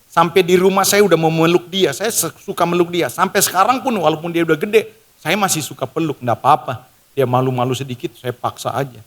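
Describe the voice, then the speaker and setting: In a large church hall, a pastor with a slightly high voice preaches a brisk, emphatic, fervent sermon directly to the congregation. Worship music plays behind him, and the recording carries long hall reverb along with the music.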